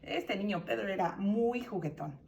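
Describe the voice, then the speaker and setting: A woman's voice: medium pitch, normal speed, far from the mic, lo-fi sound, slight background noise. A woman with a Mexican accent teaching a children's Sunday school lesson, telling a story and acting out the characters' cries. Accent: Mexican Spanish. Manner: animated, acts out the characters' cries.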